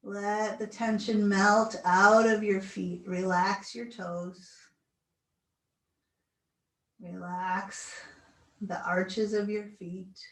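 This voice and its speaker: A woman guides a relaxation session at a very slow, unhurried pace. Her delivery is gentle and soothing, with an average pitch. She sounds set back from the microphone in an echoey room. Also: little pitch movement. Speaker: yoga relaxation instructor. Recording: roomy echo, distant mic, video call recording.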